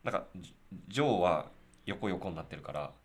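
A young man speaks. He chats casually on a podcast in a relaxed way, and now and then reads posts aloud. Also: deep voice, brisk, gravelly. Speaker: podcast co-host, band member. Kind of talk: casual chat.

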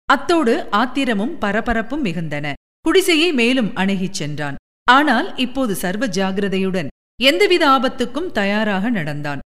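A woman's voice: fairly high pitch, sing-song, a little slow, a bit bright, big-room sound. A woman narrating a story as an audiobook, reading with dramatic expression.

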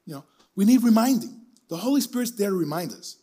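An older man preaching a sermon in an emphatic, animated manner, leading the listeners in call-and-response. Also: high voice, fast talker, breathy edge.

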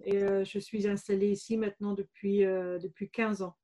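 German-accented woman, hesitant, mellow voice. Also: medium pitch, little pitch movement, moderate pace. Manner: hesitant, frequent fillers. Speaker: guest. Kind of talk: interview testimony.

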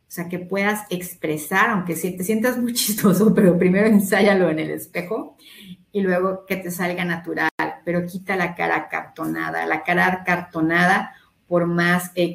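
A woman leading a voice workshop, calmly counting breaths and explaining exercises. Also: fairly low pitch, echoey room. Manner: instructive, counting breaths aloud. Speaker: voice coach. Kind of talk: guided voice workshop.

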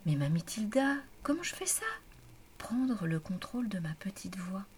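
A woman's voice: mid-range voice, lively intonation, normal speed, a little mellow, slight background noise, voice pushed up, lightly acted. Eager young woman seeker, as a woman puts her on. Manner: pleading questions.

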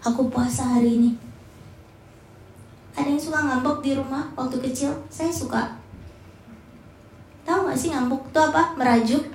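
A woman's voice: high-pitched, a little mellow. A woman in her forties preaching a sermon, talking conversationally and addressing the congregation directly with personal stories. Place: church hall. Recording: echoey hall.

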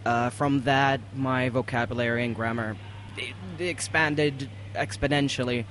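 A man from the Emirates with an untypical Emirati accent, chatting casually as a podcast guest and telling stories in a halting, excitable way with repeated phrases. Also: medium pitch, slight background noise. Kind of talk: casual interview storytelling.

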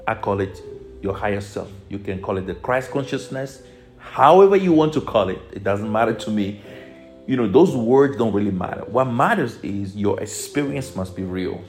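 A man from Togo with a Togolese accent, teaching as a motivational spiritual life coach in deliberate phrases with emphatic stresses. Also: lowish voice, lively intonation, darkish tone, soft background music. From Togo, West Africa.

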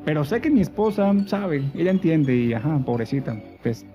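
High-voiced man telling a funny story. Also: big pitch swings, normal speed, warm tone, soft background music. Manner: humorous storytelling with playful voices. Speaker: podcast co-host.

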